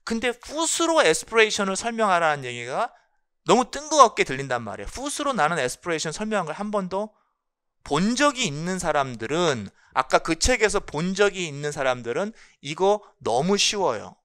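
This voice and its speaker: Man, middle-aged, exam-prep lecturer, rhetorical questions, English terms mixed in, fairly high pitch, smooth and resonant. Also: big pitch swings, normal speed, pushed and bright. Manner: explanatory, asks rhetorical questions and answers them; mixes English terms into Korean.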